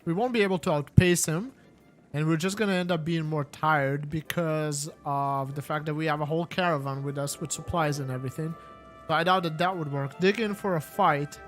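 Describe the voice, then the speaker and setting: A man's voice: fairly high pitch, fairly quick, a bit bright, faint music behind. A man streaming a story game, reading its text aloud and thinking through choices as he plays.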